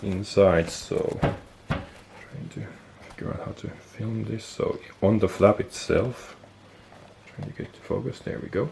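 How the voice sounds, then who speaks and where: Showing off military gear on camera, this collector and video host speaks a little slowly in a lowish, gravelly voice through a stuffy nose. He thinks aloud in a relaxed way, using fillers and correcting himself, with slight background noise behind him.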